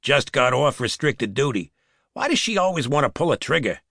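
A man's voice: mid-range voice, sing-song, moderate pace, vocal fry, fairly bright tone, no echo, clean studio sound, heavily acted. A male audiobook narrator voicing a blunt, grumbling male police partner who speaks tersely. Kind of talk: audiobook character voice.

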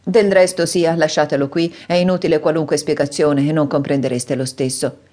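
A woman's voice: low voice, fairly even intonation, fairly quick, dark tone. A woman reading an audiobook voices a polite middle-aged male doctor, courteous and hesitant.

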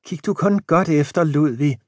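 A man's voice: fairly high pitch, darkish tone, dry recording, studio quality, voice pushed up, close to an everyday voice. A man voicing an older, kindly wife, in a raised and pleading voice in an audiobook. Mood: eager. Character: kind fussing older wife Jane.

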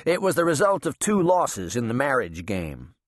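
A man's voice: mid-range voice, very animated, moderate pace, dry recording, clean studio sound. A man narrating an audiobook in a wry, sardonic first-person voice. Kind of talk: scripted narration.

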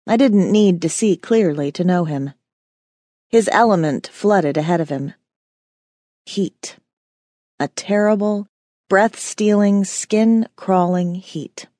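A woman narrating a first-person fantasy audiobook in a wry, dramatic voice of mid pitch. Her delivery is scripted but lively in its asides. The recording is dry and close. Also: no room sound.

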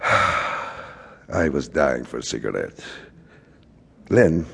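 In an audio drama recorded on a reverberant hall stage, an actor plays a wistful, rambling middle-aged immigrant father, a frustrated commercial traveler who philosophizes and repeats himself in a wheedling, musing, rhetorical way. It's a full character voice: very deep, gravelly, breathy-edged, and fairly bright, with big pitch swings and an extremely slow pace.

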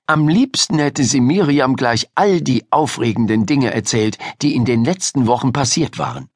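A man narrating a children's audiobook in an expressive storytelling way. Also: mid-range voice, moderate pace, husky, dry recording, clean studio sound.

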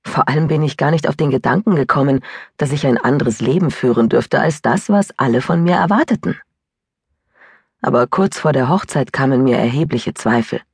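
A woman's voice: a bass voice, moderate pace, breathy edge, no echo, exaggerated voice. Audiobook character: woman reading a young woman confessing her past, rueful, close and dry. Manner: rueful, sighing confessional telling. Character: troubled young woman recalling a broken engagement.

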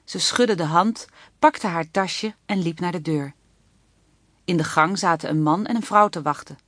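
A woman reading a children's book aloud in a steady, clear narrating voice. Her voice is on the low side, and the recording is dry and close with no room sound. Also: measured pace, no room sound. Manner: even, clear storytelling. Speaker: audiobook narrator.

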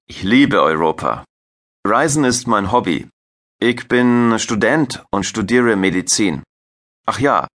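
An actor playing a friendly male participant in a scripted language-course dialogue, speaking slowly and clearly. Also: on the low side, fairly bright tone. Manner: slow, clear, careful delivery.

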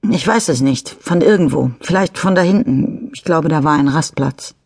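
A woman's voice: sits low, normal speed, darkish tone, husky, no room sound, clean studio sound. Woman reading a shaken, stammering male driver. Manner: shaken, stammering, turning defensive. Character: nervous middle-aged male driver after a crash. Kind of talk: audiobook character reading.

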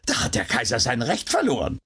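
A man's voice: mid-range voice, wildly swooping pitch, a little fast, bright, forceful tone, husky, voice pushed up, full character voice. A man voicing a small, stingy old doctor who haggles over payment, in a read-aloud storybook. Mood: grasping. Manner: grasping, mocking.

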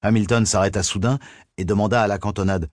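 A man narrating a thriller audiobook in a measured, suspenseful reading. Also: fairly low pitch, fairly even intonation, no echo, clean studio sound.

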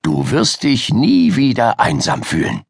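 A man voicing a kindly, mysterious older male owner of a magic pet shop in a children's audiobook, speaking gently and invitingly. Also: on the low side, huge pitch swings, a little slow, creaky, slightly rough, dry recording, studio quality, exaggerated voice. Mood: gentle. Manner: gentle, soft-spoken and inviting. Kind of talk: audiobook character voice.

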